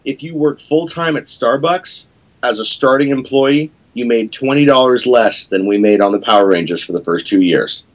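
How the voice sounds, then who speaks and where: A man's voice: mid-range voice, normal speed, no room sound. A middle-aged man, a podcast guest, chatting in a rambling, self-mocking, wisecracking way. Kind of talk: joking podcast chat.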